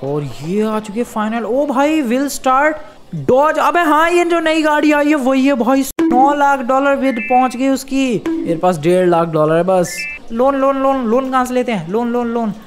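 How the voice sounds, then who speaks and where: A man giving excited gameplay commentary, exclaiming and repeating words as he plays. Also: very high-pitched, unhurried, soft background music. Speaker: gaming YouTuber.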